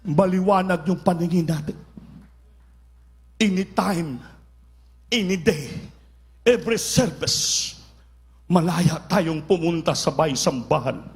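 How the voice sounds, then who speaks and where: A man's voice: fairly high pitch, slow pace, long pauses. A man from the Philippines, preaching a sermon with passion and calling on the congregation to answer him. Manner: impassioned, repeating calls for the congregation to answer, rising to shouts.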